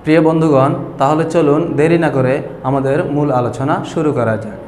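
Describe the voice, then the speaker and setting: A Quran reading teacher gives a whiteboard lesson on pronunciation, his slightly high male voice calm and methodical. He explains slowly and patiently, drawing out the example sounds. The echoey room carries a long reverb and faint noise.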